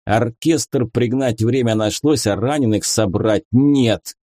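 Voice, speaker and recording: A man reading a story aloud, voicing a gruff young ensign who speaks in short, blunt lines. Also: mid-range voice, takes it slowly, dark tone, no echo, studio quality. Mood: commanding. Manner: curt, clipped, gruff.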